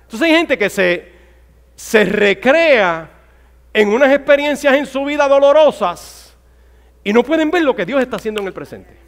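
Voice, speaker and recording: A man preaching a Sunday sermon, his voice pitched high for a man. He builds fervently toward exclamations. A long hall reverb trails behind every phrase. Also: animated, normal speed. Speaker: pastor.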